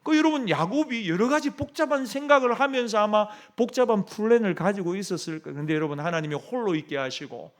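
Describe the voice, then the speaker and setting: A man's voice: sits high, animated, fast, hardly any pauses. A male senior pastor preaching a fervent Friday evening revival sermon, speaking directly to the congregation.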